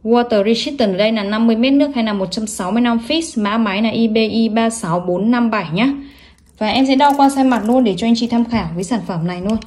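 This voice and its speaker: A woman gives a salesy online product pitch at a brisk, rapid clip. Her voice sits a little high. She lists specifications and prices and keeps stressing selling points with emphatic praise. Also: a little mellow. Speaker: online watch seller presenting products. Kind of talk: sales product showcase, listing specs and prices.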